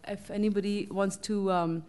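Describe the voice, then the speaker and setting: A woman moderates a panel at a university lecture. She talks at a mid pitch, stopping often on small hesitations as she gathers her thoughts. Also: fairly even intonation, normal speed, darkish tone, smooth. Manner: hesitant, many fillers.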